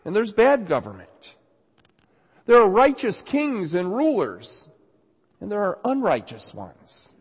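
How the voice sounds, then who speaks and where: A man's slightly raspy, nasal voice shows he's getting over a cold as he delivers an earnest sermon with scripture reading. He preaches slowly and emphatically, letting his pitch swing animatedly on key points. The audio sounds muffled and dull, and the hall adds long reverb.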